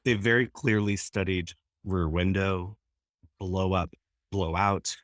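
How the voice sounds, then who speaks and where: Low-voiced man, dry, wry film talk. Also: slow pace, a bit bright, no echo. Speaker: film critic podcast host. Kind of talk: casual film discussion.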